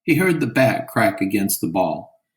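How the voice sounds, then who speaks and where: A man reading a children's chapter book aloud, with slow, clear storytelling. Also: fairly low pitch, big pitch swings.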